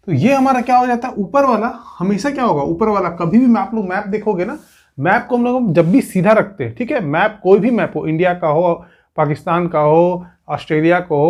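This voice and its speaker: A man's voice: high-pitched, darkish tone. A male coaching teacher explaining at a whiteboard, who keeps saying "theek hai" and puts rhetorical questions to his students. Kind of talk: exam coaching lesson.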